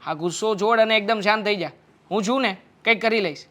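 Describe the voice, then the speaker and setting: A man's voice: sits high, a little fast, bright, forceful tone. A young man playing a carefree husband, breezy and dismissive in a family drama. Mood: placating.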